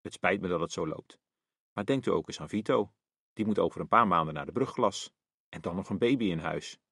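A man voicing a gentle midwife in a read-aloud story, speaking in a soothing, sympathetic way. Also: sits low, brisk, gravelly, slightly rough, no room sound, studio quality, heavily acted. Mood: consoling.

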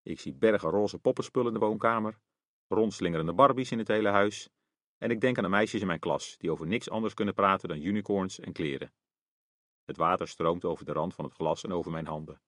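A deep-voiced man narrating a first-person storybook in a wry, deadpan way. The recording is dry and close-miked. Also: a little fast, no echo.

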